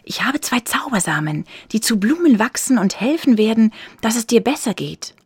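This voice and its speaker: Woman doing an eager little girl, raised pitch. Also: sing-song, normal speed, slightly rough, no room sound, exaggerated voice.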